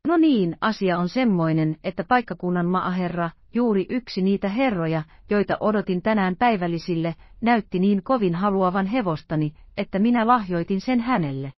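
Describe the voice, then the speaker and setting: A woman reading the part of a boastful, loud-voiced male musketeer in an audiobook. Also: mid-range voice, few pauses, dry recording, dull audio, close to an everyday voice. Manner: loud, blustering.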